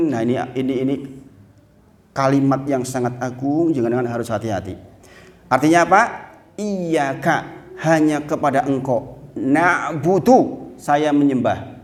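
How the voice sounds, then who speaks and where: Javanese-accented man teaching Quran recitation. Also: fairly high pitch. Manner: mixes Javanese into Indonesian, chants Arabic verses slowly. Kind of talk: religious lesson to a congregation.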